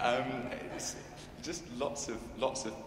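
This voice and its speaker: In a large, echoey church with background noise, a Scottish cellist answers audience questions off the cuff. He speaks slowly in a medium-pitched, fairly even voice, thoughtful and hesitant, with many fillers.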